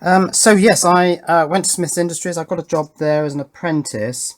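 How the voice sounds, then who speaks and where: He's a video-making electronics enthusiast from England, in his fifties, with a slightly high voice, fairly level intonation and a moderate pace. As he works he keeps up an easygoing, rambling commentary, hesitating and questioning himself along the way.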